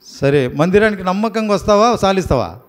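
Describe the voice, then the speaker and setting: High-pitched male pastor from Andhra Pradesh; firm, coaxing questioner at a baptism. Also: animated, fairly quick. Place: prayer house.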